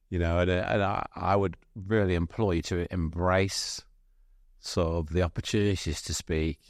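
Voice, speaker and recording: A man's voice: sits low, dry recording, studio quality. A middle-aged man hosting a podcast, talking enthusiastically and rambling with many restarts. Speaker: podcast host. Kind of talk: casual interview chat.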